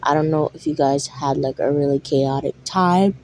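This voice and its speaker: A woman's voice: deep voice, flat delivery, brisk, dark tone, slight background noise, low-quality recording. A woman giving a tarot card reading to her viewers, talking in a drowsy, yawning way with lots of ums and likes. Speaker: tarot reader.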